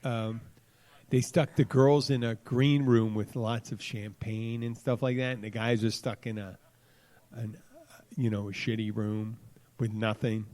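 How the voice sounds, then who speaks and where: A man's voice: on the low side, little pitch movement, measured pace, a little mellow. A man hosting a podcast in casual chat, rambling through jokey, crude stories and tangents. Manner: rambling, joking, crude storytelling. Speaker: podcast host.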